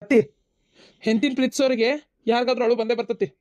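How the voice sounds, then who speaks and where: A woman's voice: a little high, little pitch movement, quick pace, a little mellow, no room sound, studio quality, natural voice. A woman voicing a tearful young husband who is devoted to his wife, in a cartoon, with a North Karnataka accent and an earnest, emotional way of talking. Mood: indignant. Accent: North Karnataka Kannada. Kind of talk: cartoon voice acting. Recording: dull lo-fi sound.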